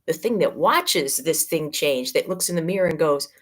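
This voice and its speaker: A middle-aged woman with a Midwestern American accent gives a spiritual teaching talk. Her voice sits a little low and stays gentle. She is unhurried and stretches out the words that matter. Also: expressive. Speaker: yoga teacher.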